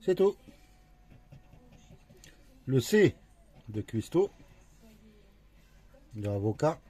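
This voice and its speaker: A man's voice: mid-range voice, sing-song, warm tone, breathy edge. A man commenting casually to himself as he scratches a lottery ticket, going through it letter by letter. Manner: slow, talking to himself, letter by letter. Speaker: scratch-card vlogger.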